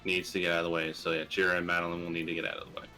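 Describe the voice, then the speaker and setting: A man's voice: deep voice, monotone, sharp tone. A man playing a tabletop game, helpfully explaining rules to the others, with faint music behind. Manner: helpful, quick rules talk. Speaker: player. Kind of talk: casual chat.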